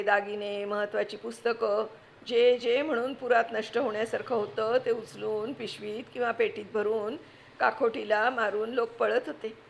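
A woman reads a story aloud with steady, expressive pacing. Her voice has a gravelly, creaky texture at a middle pitch, over a faint background hiss. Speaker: narrator. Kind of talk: storybook reading.

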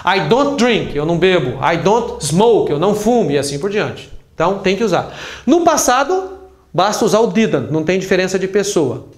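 A man's voice: sits high, very animated, normal speed. A man with a Brazilian Portuguese accent teaching an English grammar lesson, patiently repeating points with examples. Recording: roomy echo.

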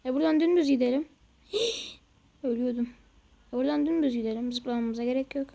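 Speaking very fast in a high, gravelly voice with a dark tone, a young gaming video creator narrates her gameplay casually, grumbling in frustration and making playful sound effects. The recording's highs are cut off.

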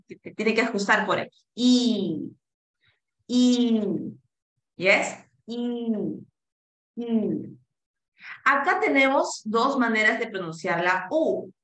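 Slow, bright-voiced woman teaching pronunciation. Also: on the high side, echoey room. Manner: slow and deliberate, drawing out each vowel and code-switching to English. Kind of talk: classroom lesson, modeling sounds for students to repeat.

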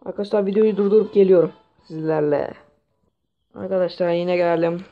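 A man with a sore throat giving excitable gameplay commentary, swearing at the game as he plays. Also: sits high, a little fast. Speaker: gaming channel host. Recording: dull lo-fi mic with faint hiss.

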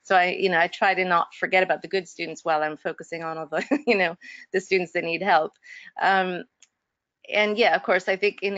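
A woman's voice: on the low side, fairly bright tone, no room sound, lo-fi sound. A woman instructor speaking earnestly and reflectively in an online faculty workshop, with frequent fillers and restarts. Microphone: video call.

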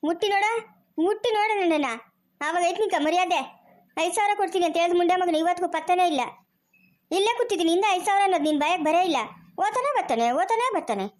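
A woman playing a quarrelsome, jealous village housewife who rants and curses nonstop in a comedy skit, with a rural Chikkaballapur Kannada accent. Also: lively intonation. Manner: shrill, rapid, nonstop ranting and cursing. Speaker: actor in a family comedy skit.

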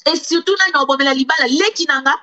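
Indignant high-voiced woman. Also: fast talker, sharp tone. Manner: indignant, switching between Lingala and French. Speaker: YouTuber. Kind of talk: direct-to-camera commentary. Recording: dull lo-fi recording.

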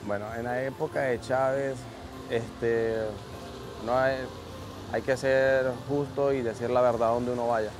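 A man's voice: medium pitch, little pitch movement, unhurried, over music. A Venezuelan man in his thirties, a migrant father, speaking earnestly with many fillers in a street interview outdoors. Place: outdoor covered shelter.

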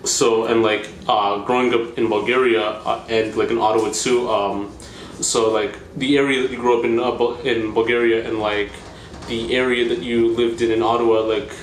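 A young male host with a mid-pitched voice poses long, meandering questions packed with filler words. The room around him is echoey, with faint background noise. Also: level tone, moderate pace. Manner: rambling, heavy use of filler "like". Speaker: interview host. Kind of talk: casual interview questions.

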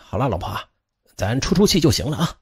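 A man voicing a young man who quietly calms his angry girlfriend, with a husky voice. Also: quick pace, no echo, clean studio sound, heavily acted. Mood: soothing. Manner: low, hushed and placating.

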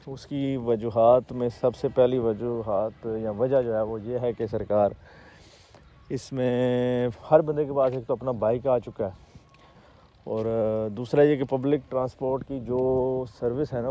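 With a steady, warm tone at medium pitch and a slightly slow pace, a real estate vlogger in his thirties walks through farm fields outdoors, chatting and explaining. He has a Pakistani Punjabi accent and records on a phone camera held at arm's length.

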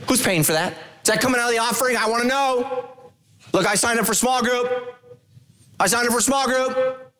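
A middle-aged man preaches from a large church stage into a handheld microphone. His voice sits fairly high, and he tells stories with humorous asides, his pitch climbing and dropping as he goes. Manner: animated storytelling with humorous asides, pitch swinging widely. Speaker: pastor. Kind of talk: sermon.

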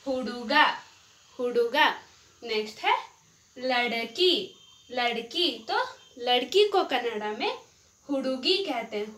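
A woman teaching a language lesson, repeating each word slowly so learners catch the pronunciation. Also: sits high, a bit bright.

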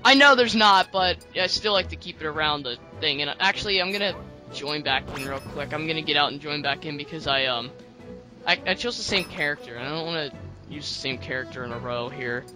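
A man's voice: fairly high pitch, fairly quick, poor audio. A man taking part in an online game session, rambling and correcting himself as he explains. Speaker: guest player. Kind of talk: casual gameplay chat. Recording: game music playing underneath.

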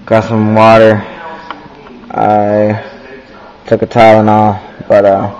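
A man's voice: on the low side, monotone, slow pace, a little mellow, dull audio. A teenage young man chatting casually in a slangy, profane way to a handheld camera. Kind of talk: casual vlog chat. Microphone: handheld camera close by. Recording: noisy handheld camera recording.

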